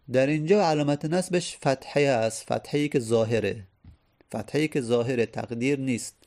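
Gravelly guy teaching grammar, repeats stuff, sounds out vowels. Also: mid-range voice, a little mellow. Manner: explains step by step, repeats key phrases. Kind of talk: Arabic grammar lesson.

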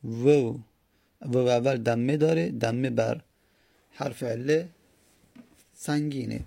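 A man with a heavily gravelly, creaky voice and a dark, mellow tone talks through a grammar lesson. He is patient and repeats words slowly and stretches them out. His voice is a bit husky, and the room sounds dry and close. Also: mid-range voice. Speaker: teacher. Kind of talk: explaining Arabic grammar lesson.

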